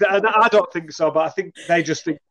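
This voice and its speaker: A man's voice: fairly high pitch, fast talker, fairly bright tone, dry recording. A man with a Greater Manchester accent, hosting a podcast interview in an informal, conversational way. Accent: northern English, Greater Manchester. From Rochdale, northern England. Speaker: podcast host. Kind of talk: casual interview.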